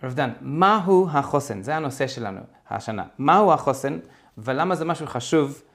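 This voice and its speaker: Gravelly-voiced man interviewing a guest. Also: mid-range voice, expressive, a bit bright. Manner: hesitant, with many fillers. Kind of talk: interview questions.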